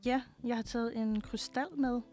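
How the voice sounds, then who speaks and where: A young woman in her twenties, a guest singer, chatting casually in an interview, relaxed and hesitant with many fillers. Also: fairly high pitch.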